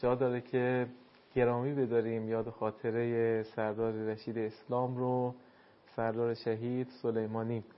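A man's voice: medium pitch, little pitch movement, lo-fi sound. A man teaching Quran recitation on air, giving a caller formal, courteous and instructive feedback.

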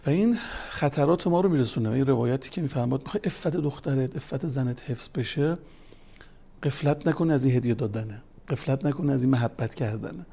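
Gravelly and dark, with a breathy edge, his mid-range voice carries a religious talk built from counseling anecdotes and passages of scripture. The man, a family counselor and religious speaker, grows emphatic as he continues.

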